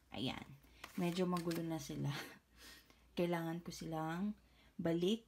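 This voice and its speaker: A woman's voice: lowish voice, vocal fry. A young woman with a Filipino accent chatting casually to her phone camera in a vlog, first in her bedroom and then in a car. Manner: chatty, laughing, trailing fillers. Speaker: vlogger. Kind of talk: casual vlog chat mixing Tagalog and English. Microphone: phone camera at arm's length. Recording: loud background noise.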